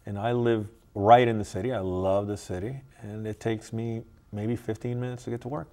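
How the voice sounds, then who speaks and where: A man being interviewed as a guest, talking in an earnest, halting way with frequent restarts. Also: on the low side, fairly even intonation, mellow. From United States. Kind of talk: casual interview chat.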